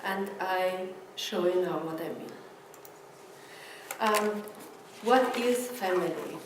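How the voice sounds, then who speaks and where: A female academic with an Austrian German accent gives a conference lecture in non-native English, halting and searching for words in a mid-pitched voice. She is heard from a distant mic in a very echoey presentation room with an audience and background noise.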